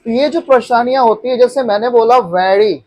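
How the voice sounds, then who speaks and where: A man's voice: very high-pitched, fairly even intonation, fast talker, darkish tone. Man teaching pronunciation. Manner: repeats words and quizzes students. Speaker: English teacher. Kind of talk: classroom lesson.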